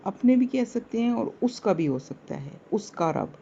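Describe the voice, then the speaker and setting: A woman teaching a word-by-word translation lesson, saying each word slowly and repeating its meaning. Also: fairly high pitch, expressive, gravelly, dark tone, highs cut off, slight background noise. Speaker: Quran teacher.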